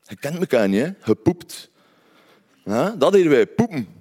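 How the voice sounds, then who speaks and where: A man's voice: on the high side, sing-song, moderate pace, warm tone. A man with a Flemish accent, from Belgium, telling a personal story in a chatty way, often tagging on little questions. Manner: conversational, often adds tag questions.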